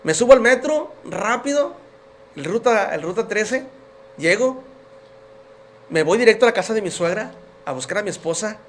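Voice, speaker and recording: A man's voice: high voice, animated, normal speed, pauses often, slight background noise. A man giving his personal faith testimony as a podcast guest, telling his story in an earnest, emotional way.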